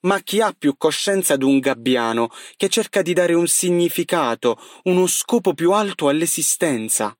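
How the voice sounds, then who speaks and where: A man's voice: medium pitch, slow pace, no room sound, studio quality, natural voice. A man voicing a defiant young male seagull who pleads with his flock in a rising, impassioned voice, in a storybook reading.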